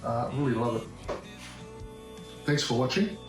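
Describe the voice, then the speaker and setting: A man with an Australian accent talking through a hands-on how-to demonstration, describing each step in a relaxed way as he works. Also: mid-range voice, unhurried, echoey room, over music. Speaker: DIY demonstrator.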